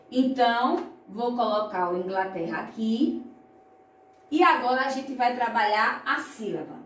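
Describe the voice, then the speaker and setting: Woman teacher, online class, drawn-out syllables, roomy echo. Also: fairly high pitch, a bit bright, far from the mic. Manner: slow, deliberate, drawn-out syllables, frequent tag questions. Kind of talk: online lesson for young children. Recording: echoey room, voice away from the mic.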